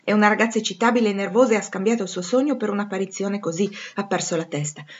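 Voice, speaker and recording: A woman reading aloud and voicing a brusque, commanding male master of the house who talks loudly and curtly. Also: mid-range voice, racing, muffled recording, close to an everyday voice. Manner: loud, curt, forcefully reassuring.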